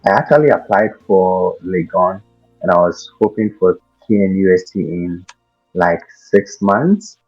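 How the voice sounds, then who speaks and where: Young Ghanaian man, very low voice, husky, hesitant with fillers, dull lo-fi sound. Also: a little slow, a little mellow, soft background music. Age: 20s. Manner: hesitant, many fillers and restarts. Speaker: guest. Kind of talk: casual interview.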